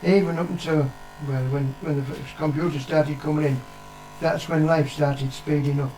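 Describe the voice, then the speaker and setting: A man's voice: fairly high pitch, fairly even intonation, normal speed, mellow, a little hiss or hum, poor audio. An older man with a British accent, chatting casually and giving his opinions in a blunt, plain-spoken way. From United Kingdom. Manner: blunt, plain-spoken, swearing, repeating himself for emphasis. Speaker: interviewee, father of the vlogger.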